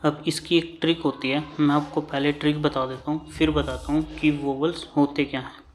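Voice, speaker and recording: A man's voice: on the high side, flat delivery, normal speed, slight background noise. A man with an Indian English accent teaching shorthand vowels, patiently repeating each term while he writes. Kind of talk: slow classroom lesson at a board.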